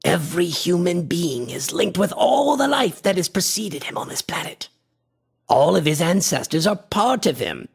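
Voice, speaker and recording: A man with a slightly high voice gives a heavily acted performance as an eccentric, obsessed antiquarian visionary in a radio horror drama. He delivers the lines in a husky, passionate and pompous manner.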